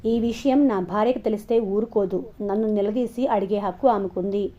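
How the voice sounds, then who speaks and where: A woman voicing a frightened, angry married man who shouts at his lover, in a dull lo-fi recording. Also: mid-range voice, moderate pace, natural voice. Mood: pleading. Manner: shouting, agitated.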